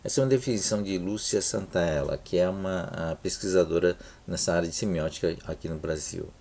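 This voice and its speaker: Delivering a university lecture recorded over slides, this Brazilian Portuguese-accented man has a low, creaky, darkish voice. He takes his time, frequently restarting words and tossing in "tá?" and "né?" to check on his listeners.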